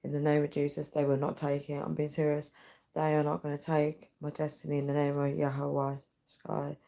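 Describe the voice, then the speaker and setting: Late at night at home, a tired woman whose voice is nearly gone livestreams, reading viewer comments and chatting softly and earnestly. Her deep, gravelly voice stays monotone at a moderate pace, picked up by her device's built-in mic rather than a dedicated microphone.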